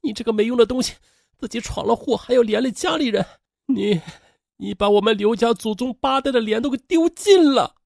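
A man's voice: very high-pitched, brisk, vocal fry, a little mellow, dry recording, studio quality, pitched above the performer's own voice, full character voice. A man voicing a desperate rural woman who scolds her brother in a raised voice. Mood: scolding. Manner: scolding, then pleading.

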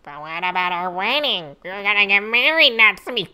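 A woman's voice: mid-range voice, lively intonation, moderate pace, sharp tone, clear, resonant tone. Woman playing a whiny rejected suitor. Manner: whiny, pleading.

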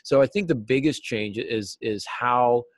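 Speaking in a mid-range voice at a measured pace with no echo, this middle-aged American guest is a novelist and teacher. He's casual and thoughtful in an interview held over a video call from his small, cluttered indoor office.

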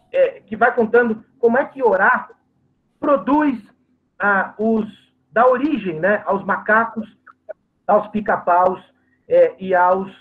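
Man lecturer, hesitant and explanatory, high voice, thin phone-line audio from a video call. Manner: hesitant, explanatory, frequent "é" fillers. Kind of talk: academic lecture.

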